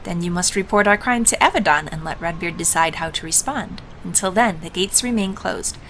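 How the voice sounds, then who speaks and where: A woman's voice: fairly low pitch, fairly quick, a bit bright, a little hiss or hum. A woman voicing a pompous male wizard advisor from a game, with solemn, theatrical, hammy stage delivery, falsely subservient. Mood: grave, evasive. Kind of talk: video game dialogue read-aloud.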